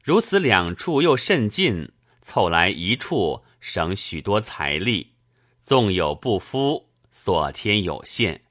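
Deep, unhurried male storyteller. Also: dry recording, studio quality. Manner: measured, expressive storytelling. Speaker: narrator. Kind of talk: audiobook narration of a classic novel.

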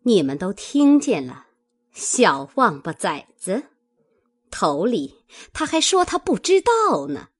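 Brief: woman doing a fierce noble lady, cutting and scornful, husky voice, pitch jumps high. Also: wildly swooping pitch, slow, full character voice. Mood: scolding, mocking. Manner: scolding, mocking, cutting. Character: fierce sharp-tongued noble lady, domineering.

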